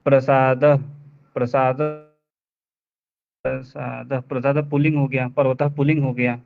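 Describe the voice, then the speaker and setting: A man student reciting answers in an online class, halting and hesitant, often repeating words. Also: mid-range voice, little pitch movement, gravelly, faint music behind. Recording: tinny phone-like call audio.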